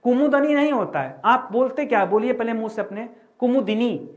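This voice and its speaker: A man's voice: very high-pitched, animated, brisk, muffled recording. A man teaching a grammar lesson for exam preparation. He repeats key words and quizzes students with rhetorical questions.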